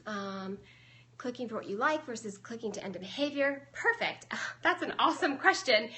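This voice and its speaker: A woman's voice: fairly high pitch, bright, forceful tone. A young adult woman, a dog trainer, casually explaining her methods on a live stream and answering viewers, chatty with many fillers.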